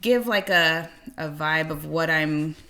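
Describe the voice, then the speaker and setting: A woman's voice: low voice, slow, bright, forceful tone, slight background noise. A woman in her thirties co-hosting a podcast, telling a dating story in a rambling way full of fillers. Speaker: podcast co-host. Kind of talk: casual chat.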